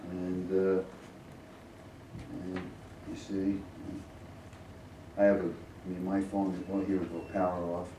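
An older man, a playwright and director, gives an informal welcome speech introducing a staged reading to an audience in a medium-sized indoor rehearsal room. His low voice is completely flat and slow with long pauses, yet his manner is emphatic and rhetorical, often checking with "right?" and "okay?". A camera several metres away captures roomy, distant sound with faint noise.

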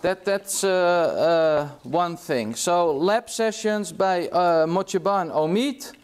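Speaking slowly in a high, smooth voice, a middle-aged man from the Netherlands delivers a relaxed university lecture in a big hall. His Dutch accent comes through, and he chats casually, tagging his remarks with "yeah?"

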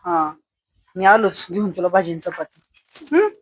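A woman's voice: fairly low pitch, lively intonation, a little slow. A woman, chatting casually with a child on camera, coaxing, fussing over him and scolding him. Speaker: vlogger. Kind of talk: casual family chat.

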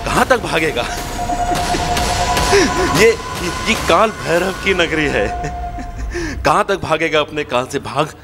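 A cruel, arrogant temple priest who speaks slowly and with contempt, played by a man on a devotional stage. His voice sits fairly high. Music plays behind him. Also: lively intonation. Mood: scornful. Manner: scornful, contemptuous. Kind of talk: devotional stage play acting.

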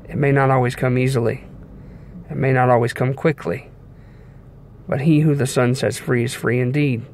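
Recorded on a phone at arm's length while sitting in a car, a young adult preacher gives a devotional message in the style of a casual sermon. His mid-range voice is earnest and measured, broken by pauses between brief phrases, and some background noise surrounds it.

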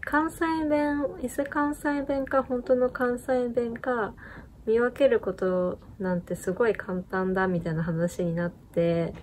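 A woman's voice: fairly high pitch, steady tone, takes it slowly, darkish tone, a little hiss or hum. A woman hosting a knitting channel, chatting casually in a rambling way with many fillers and small laughs. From Japan. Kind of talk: casual chat while knitting.

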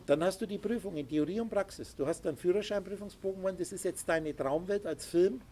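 This spiritual teacher addresses his small group in a high, mellow voice at a brisk clip. His lecturing is emphatic and insistent, punctuated with sound effects, over faint background noise.

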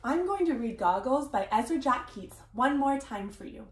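A woman teaching first graders in a recorded reading lesson, speaking clearly and encouragingly. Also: high voice, lively intonation, normal speed, echoey room.

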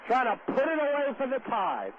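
A man's voice: very high-pitched, huge pitch swings, a little fast. A man with a Boston accent doing upbeat, jokey play-by-play radio commentary of a gymnastics meet. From Boston area. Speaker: play-by-play announcer. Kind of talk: live radio sports commentary. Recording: dull noisy radio broadcast.

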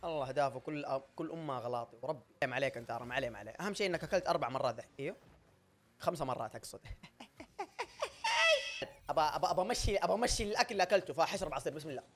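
A young man giving loud, excitable gameplay commentary, often shouting and laughing at his own plays. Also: a little high, very fast, noisy background. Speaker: gaming YouTuber.

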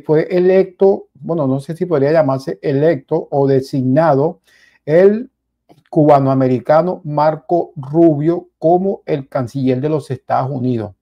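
Animated Venezuelan man commenting on news. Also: on the high side. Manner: animated, repetitive, addresses viewers as "señores". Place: small indoor home studio. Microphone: headset.

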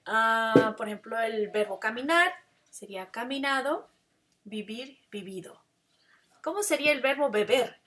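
A woman teaching a grammar lesson, slow and deliberate, drawing out example words and switching between Spanish and English to explain. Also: on the high side, expressive, a bit bright.

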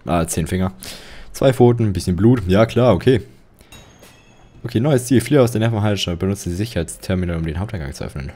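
Tiefe, heisere Stimme eines nervösen jungen Mannes. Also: male voice, low-pitched, quick pace, warm tone. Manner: jittery, rambling, jokey, yelps when startled. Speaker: let's play commentator. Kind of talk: horror game commentary.

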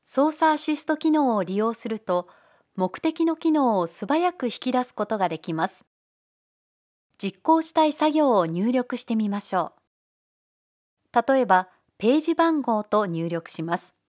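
A woman's voice: fairly high pitch, a little slow. Polite woman narrating a screencast. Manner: calm, polite step-by-step instruction. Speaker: software tutorial narrator.

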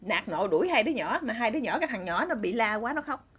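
A woman's voice: a little high, big pitch swings, fast, a bit bright, breathy edge. A woman with a Southern Vietnamese accent telling a story in a chatty way, addressing her listeners directly.

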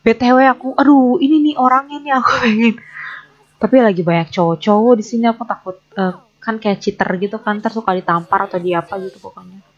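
A woman's voice: on the high side, fast talker, dull audio. Flustered young woman narrating gameplay. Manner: chatty, flustered, talks to game characters. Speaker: gaming YouTuber. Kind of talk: casual gameplay commentary.

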